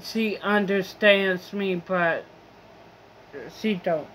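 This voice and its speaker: A woman's voice: mid-range voice, fairly even intonation, drawn-out words, fairly bright tone, slight background noise. A young woman vlogger in a rambling, profane, complaining monologue. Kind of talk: casual venting monologue.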